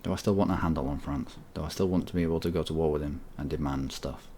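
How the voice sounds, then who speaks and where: Very deep-voiced man musing over a strategy game. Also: fairly even intonation, fast, mellow, slight background noise. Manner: thinking aloud while playing, wry asides. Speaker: gaming channel host.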